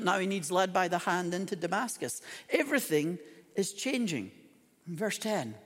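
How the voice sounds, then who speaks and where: A man preaching a sermon with dramatic emphasis, his loudness rising and falling a great deal. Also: sits high, long reverb tail.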